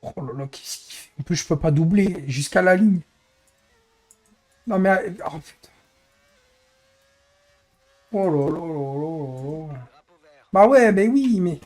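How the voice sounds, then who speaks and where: A streamer who heads a racing league grumbles in exasperation while commenting live on his racing game stream. He's hoarse and losing his voice, yet it still sounds fairly high-pitched and warm.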